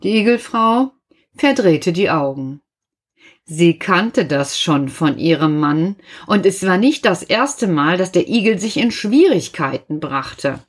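A woman reading a children's story aloud, gentle and animated, speaking directly to young listeners. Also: fairly low pitch, slow.

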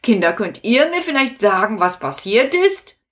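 A woman's voice: on the high side, sing-song, moderate pace, fairly bright tone. A woman voicing a cheerful male puppet jester in a children's puppet show, talking directly to the children. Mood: concerned. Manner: addressing the audience of children directly.

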